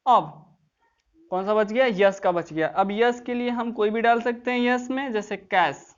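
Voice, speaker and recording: A woman's voice: a little high, a little slow, muffled recording. A woman teaching English grammar in an online class, explaining step by step and often checking that students follow.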